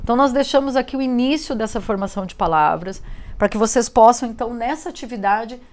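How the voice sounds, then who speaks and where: A woman teacher, giving a recorded literacy lesson, sounding out syllables slowly and clearly. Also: on the high side, darkish tone. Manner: slow, clear syllable drilling.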